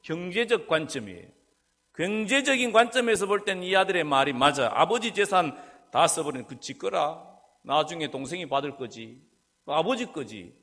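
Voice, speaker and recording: A man's voice: on the high side, moderate pace. A male pastor preaching a sermon, asking his listeners questions and answering them himself. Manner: rhetorical questions, lively and animated. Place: church sanctuary. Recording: long church hall reverb.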